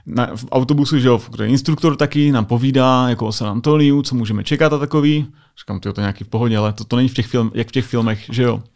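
A man's voice: mid-range voice, fairly even intonation, a little mellow. A Czech man, a US Air Force sergeant, telling anecdotes in a casual interview, full of filler tags. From Czech Republic.

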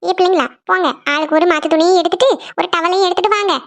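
An impatient, chiding cartoon aunt. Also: female voice, extremely high pitch, fairly even intonation, racing. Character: bossy aunt rounding up children. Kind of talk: cartoon voice acting.

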